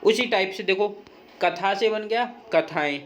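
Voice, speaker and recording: A man's voice: high voice, unhurried, a little hiss or hum. A man teaching grammar in a recorded lesson, patient and repetitive, often checking in with the viewer and pointing things out step by step.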